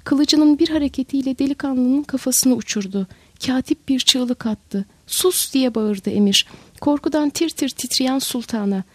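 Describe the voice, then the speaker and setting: A woman reading a historical novel aloud as narrator, in steady storytelling. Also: high voice, normal speed, dry recording. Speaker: audiobook narrator. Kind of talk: scripted narration.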